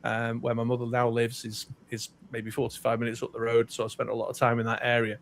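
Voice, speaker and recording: Talking fast in a completely flat, creaky voice of medium pitch, the North Wales co-host chats casually on his podcast. The middle-aged man's British-accented rambling is filled with ums and restarts.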